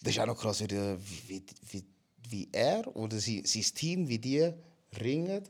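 A young man with a Swiss German accent, a guest on a chat show, telling stories in a loud, animated way and mixing in English words. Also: lowish voice, moderate pace, creaky, husky. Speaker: guest, MMA fighter. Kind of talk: casual chat.

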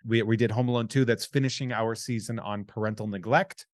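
A man's voice: fairly low pitch, fairly even intonation, a little fast, no echo. Joking man host, dry close mic. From New England. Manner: rambling, jokey, reads listener shout-outs. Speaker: podcast host. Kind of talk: casual chat.

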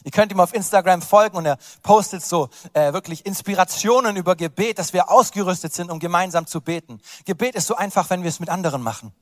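A man's voice: high-pitched, fast talker, few pauses, no room sound, clean studio sound, in a large hall. A man preaching a sermon, urging and encouraging his congregation in an earnest, direct way. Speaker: pastor.

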